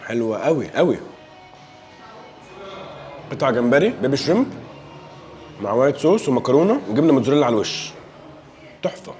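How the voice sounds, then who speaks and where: A man's voice: mid-range voice, sing-song, fast talker, long pauses, a little mellow, soft background music. A young man with an Egyptian Arabic accent, reviewing dishes in a casual food vlog, joking and enthusiastic as he tastes. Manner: playful, joking, enthusiastic tasting remarks.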